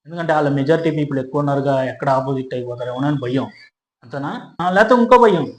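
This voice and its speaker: A man giving an argumentative commentary monologue, full of rhetorical questions and "hm?" tags after each point. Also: high-pitched. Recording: echoey room.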